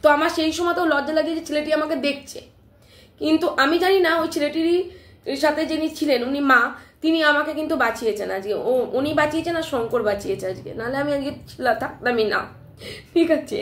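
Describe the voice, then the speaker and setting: Woman live-streamer, high voice, sore throat, animated storytelling, echoey room. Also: fast talker, a little hiss or hum. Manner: animated, emphatic retelling with frequent "ঠিক আছে?" check-ins.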